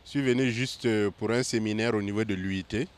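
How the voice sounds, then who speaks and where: A man's voice: on the low side, fairly quick. A man from Burkina Faso, earnestly answering a street interview.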